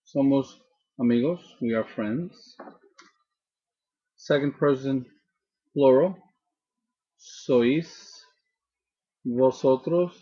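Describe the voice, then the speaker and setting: A man teaching a grammar lesson slowly and patiently, often repeating and restarting his phrases. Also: mid-range voice, mellow, slightly rough. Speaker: language teacher. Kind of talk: slow, deliberate grammar lesson. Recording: dull lo-fi recording.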